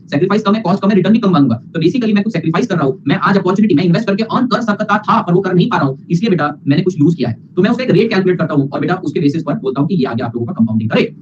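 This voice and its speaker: A male teacher giving a lively lecture, mixing Hindi and English and acting out students' replies. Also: sits high. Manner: fast, playful, mixes Hindi and English, acts out students. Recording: lo-fi with background hiss.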